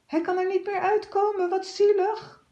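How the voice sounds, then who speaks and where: A woman's voice: very high-pitched, little pitch movement, normal speed, mellow, roomy sound, lo-fi sound, pitched above the performer's own voice. A woman voicing a timid little boy in a storybook, with a whiny, trembling voice.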